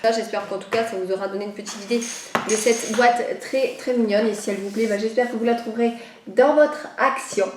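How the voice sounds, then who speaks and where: Casting note: woman vlogger, a bit higher voice, slightly nasal, chatty and hesitant, in an echoey room. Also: steady tone, fairly quick, a little mellow, slight background noise. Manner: rambling, hesitant, many fillers. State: recovering from a cold. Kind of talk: casual chat.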